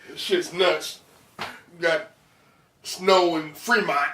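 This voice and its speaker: A man's voice: on the high side, takes it slowly, pushed and bright, reverberant, recorded from a distance, slight background noise. A man hosting a casual podcast chat, laid-back and joking, fighting a winter cold that makes him sound a bit nasal. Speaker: podcast host.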